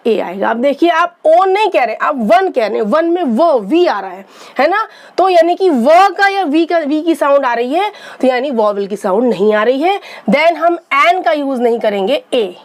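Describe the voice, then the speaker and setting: High-voiced woman teaching grammar. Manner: patient, repeats points, asks and answers own questions. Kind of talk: explanatory lesson.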